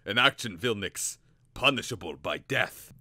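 A man's voice: low voice, lively intonation, normal speed, pushed and bright, dry recording. A man doing a grave, declaiming old professor. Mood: stern. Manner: solemn, declaiming.

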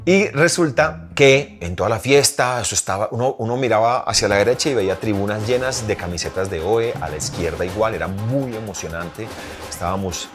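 A middle-aged man casually telling a personal story to the camera, animated and acting out the people in it. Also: lowish voice, a little fast, soft background music. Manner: animated storyteller who acts out voices.

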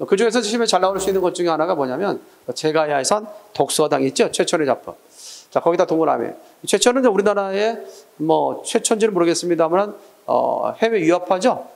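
Gravelly Korean lecturer quizzing his class. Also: a little high, darkish tone. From South Korea. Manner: asks students rhetorical check questions, mixes casual and polite endings. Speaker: exam prep lecturer.

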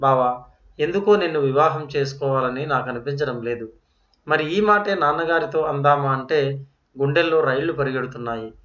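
A man reads as a cheeky young woman writing to her cousin, teasing and mock-dramatic. The voice sits a little high. The sound is roomy and dull, like an old lo-fi storybook recording. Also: normal speed, fairly bright tone, lightly acted.

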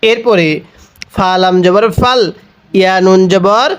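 A male Quran teacher from Bangladesh leads a slow lesson, spelling out each syllable. His voice is smooth and clear. He takes his time and patiently asks the listener to repeat after him. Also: sits high.

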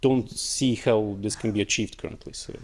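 A man's voice: lowish voice, steady tone, moderate pace, darkish tone. A young man presenting at an academic conference and answering questions, talking in a hesitant way with many fillers and restarts, in a lecture hall. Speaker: conference speaker. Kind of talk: technical talk and Q&A. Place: lecture auditorium.

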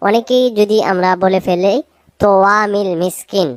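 A woman teaching recitation, chanting verses slowly and drawing out each sound, then explaining the pronunciation quickly. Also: medium pitch, steady tone, dry recording. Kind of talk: slow recitation lesson with spoken corrections.

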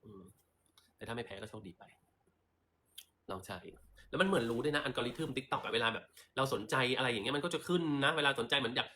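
A man's voice: medium pitch, animated, fast talker, bright, forceful tone, slight background noise. A man chatting sassily on a livestream while selling lipstick, with theatrical asides. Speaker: livestream seller. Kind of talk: casual livestream sales chat.

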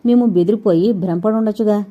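A woman's voice: medium pitch, fast talker, dull audio, natural voice. A woman voicing a puzzled but determined young woman, speaking insistently.

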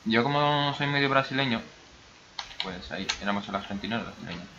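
A man's voice: on the low side, animated, fast, sharp tone, muffled recording, a little hiss or hum. Chatty Basque-Brazilian-accented gamer guy. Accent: mix of Basque and Brazilian Spanish. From Basque Country. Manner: rambling, chatty, talks to himself. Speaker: gaming YouTuber. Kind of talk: casual gameplay commentary.

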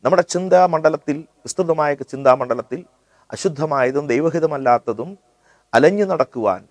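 A middle-aged man, a pastor teaching a Bible study in a measured, rhythmic way, on a lapel mic in a studio. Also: on the high side, a little mellow, dry recording. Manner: measured, rhythmic delivery, mixing in English phrases. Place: indoor studio set.

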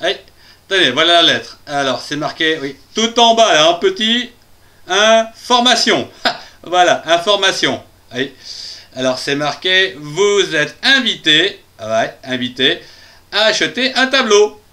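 A man voices a cheerful little male bear teaching spelling in a kids' phonics lesson, slowly sounding out words syllable by syllable and chuckling often. His exaggerated voice sits high, with big swings in pitch and a sharp tone.

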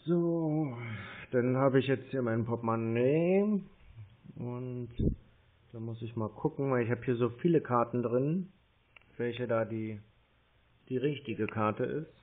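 A scam-baiter pretending to be a confused customer talks on a phone call in a medium-pitched voice, slowly and with frequent pauses. He sounds hesitant and muddled, thinking aloud while he types and reads things out. The audio is muffled, with a narrow phone-call quality.

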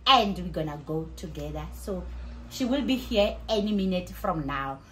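A woman in her thirties with a South African accent vlogs from the living room and kitchen of her home, chatting casually and mixing in another language. Her fairly low voice moves at a moderate pace and sounds excited and expressive. A little hiss or hum sits in the background.

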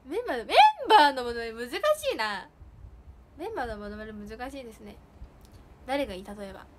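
A woman's voice: a little high, big pitch swings, fast, noisy background. A young woman chatting casually with viewers on a solo livestream, bubbly and giggly, indoors while heavy rain falls outside. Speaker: idol livestream host. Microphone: phone or streaming mic.

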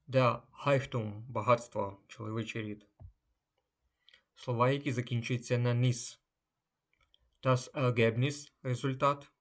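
A man with a mid-range, fairly bright voice gives an unhurried language lesson. He stretches out each German example word slowly before explaining what it means.

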